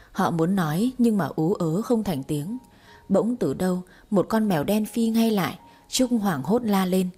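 Woman storyteller, mellow husky voice, steady even reading. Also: medium pitch. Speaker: narrator. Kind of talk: storybook narration.

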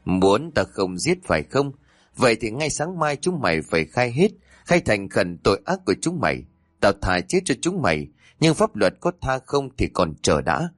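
A man's voice: lowish voice, sing-song, normal speed, dry recording, studio quality. A man voicing a vengeful female ghost who curses her killers in a raised, accusing voice. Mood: furious. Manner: snarling, accusing.

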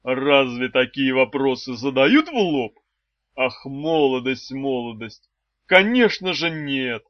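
A man's voice: a little high, expressive, no room sound. A genteel old brain-eating shopkeeper, played by a male storyteller, drawing out his syrupy politeness in a slightly raised, wheezy voice. The audiobook sound is dry and somewhat dull. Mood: doting. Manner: slow, sugary, polite.

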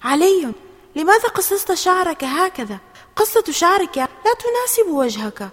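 A woman's voice: very high voice, very animated, normal speed, long reverb tail, pitched above the performer's own voice. A woman voicing a caring mother who questions her young son in surprise. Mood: surprised. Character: worried caring mother of a schoolboy.

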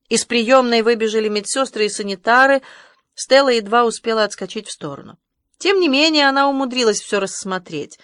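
A woman reading a novel aloud as an audiobook narrator, measured and expressive, recorded close to the mic. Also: a little high, no room sound. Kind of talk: scripted narration.

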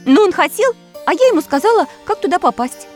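A woman voicing a shapeshifting girl who poses as a schoolboy, talking in an excitable, defensive, blurting way. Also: extremely high pitch, a little fast, faint music behind, pitched above the performer's own voice. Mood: pleading. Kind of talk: audiobook character voice.

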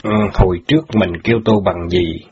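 A man's voice: low-pitched, a little mellow, husky. A man voicing a bitter, grieving middle-aged ex-bandit who pleads and rages at the wife who left him, in an audio story. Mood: reproachful. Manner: reproachful, pleading, quick to anger. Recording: dull lo-fi audio.

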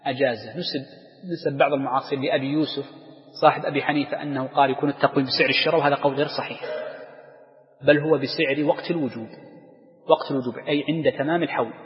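A man teaching jurisprudence to a class, explaining step by step with worked examples and questions to his students. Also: fairly high pitch. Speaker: sheikh teaching Islamic jurisprudence. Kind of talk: lecture to students. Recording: dull lo-fi recording with long hall reverb.

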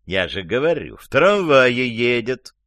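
A man's voice: mid-range voice, very animated, measured pace, a bit bright, no room sound. A man doing a sarcastic, jeering jealous lover. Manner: sarcastic, gloating, laughing wildly.

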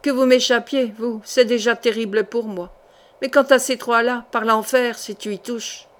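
A woman reading aloud, voicing a ruthless male scholar-sorcerer who mutters intense, low threats in a storybook reading. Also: steady tone, normal speed, natural voice. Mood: threatening.

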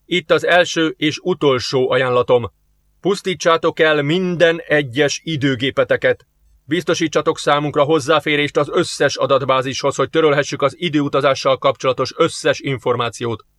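A man's voice: fairly high pitch, fairly even intonation, a bit bright, no echo, pitched above the performer's own voice, lightly acted. A man voicing a stern, hostile male alien warlord in an audiobook, talking in curt commands. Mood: coldly threatening.

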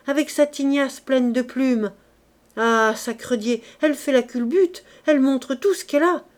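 Woman voicing a hoarse, delirious drunkard screaming. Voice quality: hoarse, frantic shouting. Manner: loud slangy outbursts, raised pitch. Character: delirious drunken working-class man, raving in terror. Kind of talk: audiobook character voice.

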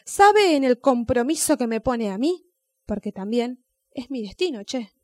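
A woman voicing a crafty, calm male snail who talks patiently and persuasively. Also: fairly high pitch, unhurried, no echo. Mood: grudging.

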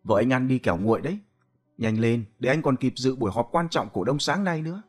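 A man playing a busy son, a company chairman, who speaks in a brisk, hurried way. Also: medium pitch, lively intonation, faint music behind, natural voice.

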